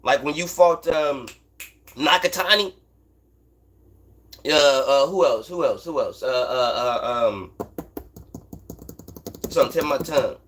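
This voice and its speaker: A man's voice: mid-range voice, slow, long pauses, fairly bright tone. An American man hosting a casual sports talk stream, speaking in blunt, profane, emphatic slang and repeating phrases to drive his points home. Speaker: host of a boxing talk livestream. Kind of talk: casual unscripted sports commentary, answering chat.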